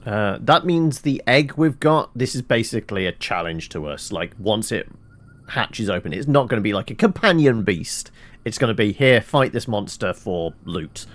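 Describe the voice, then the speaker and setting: A video game streamer gives casual gameplay commentary, musing aloud and answering his own questions. His voice is fairly low, with lively intonation and a moderate pace.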